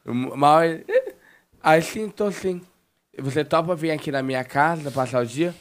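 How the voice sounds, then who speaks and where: A man's voice: fairly high pitch, a little slow. A man telling a long personal story in casual chat, rambling and restarting his sentences often. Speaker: guest.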